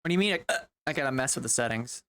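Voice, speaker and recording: Exasperated streamer talking to chat at a computer, smooth clear voice, mid pitch. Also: animated, very fast, sharp tone, dry recording. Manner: chatty, exasperated, swears and talks to chat. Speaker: game streamer. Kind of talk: casual live-stream chat.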